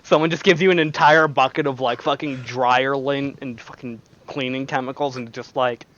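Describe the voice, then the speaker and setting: A man's voice: mid-range voice, fairly even intonation, moderate pace, a bit bright, muffled recording. A man co-hosting a podcast, dry and teasing, swearing in casual group chat. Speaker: podcast co-host.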